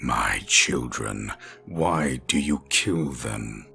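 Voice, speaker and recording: A man voicing a tall cloaked male being from the underworld, speaking slowly, deeply and commandingly, in a horror story reading. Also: lively intonation, vocal fry, bright, forceful tone, faint music behind, exaggerated voice. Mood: accusing. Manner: slow, deep and commanding.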